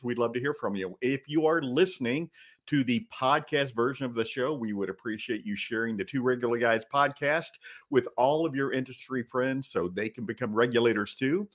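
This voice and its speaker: A man's voice: medium pitch, fairly bright tone. An American man chatting casually as a podcast co-host. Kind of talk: casual chat.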